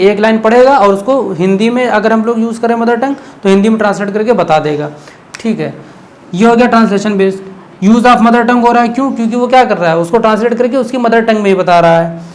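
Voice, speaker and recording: A male teacher giving an exam-prep lecture in a relaxed, conversational tone. He explains by asking himself questions and keeps checking in with "okay?". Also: high-pitched.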